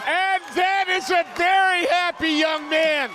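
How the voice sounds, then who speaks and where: A man giving excited live commentary on a cage fight. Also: very high-pitched, slow pace, raised voice. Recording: noisy fight crowd around voice.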